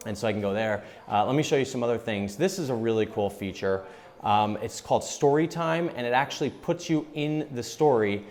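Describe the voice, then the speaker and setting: A man's voice: mid-range voice, fairly quick, a little mellow. A man hosting as a tech reporter, giving a casual hands-on product demo in a chatty, upbeat way with frequent ums and uhs.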